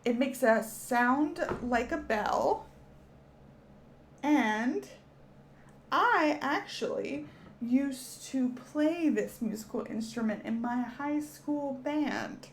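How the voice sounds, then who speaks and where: Casting: high, slow-paced female children's teacher, cheerful, faint hiss behind. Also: lively intonation. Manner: cheerful, encouraging, speaks to children. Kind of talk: children's educational lesson.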